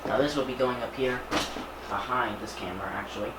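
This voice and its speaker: In a mid-range voice that runs a little fast, a hobbyist video creator gives loose, hands-on commentary on an unboxing, describing each small action as it happens. There's a lot of noise in the clip.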